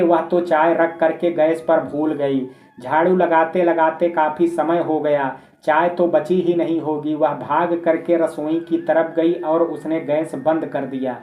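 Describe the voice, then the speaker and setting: A man narrating a family drama story in a steady, plain storytelling voice. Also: a little high. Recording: echoey room, tinny phone-like sound.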